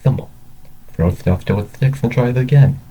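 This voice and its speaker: A man's voice: mid-range voice, normal speed, mellow, a little hiss or hum, pitched above the performer's own voice, natural voice, rough recording. A man voicing a cheerful dad in his forties in a homemade audio story.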